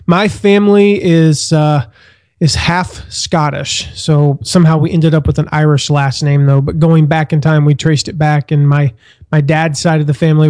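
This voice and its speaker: An upbeat American man chats as a podcast guest, friendly and relaxed. His voice sits a little high for a man. The recording is dry and close, with no room sound. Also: no echo. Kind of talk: casual interview chat. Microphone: internet call recording.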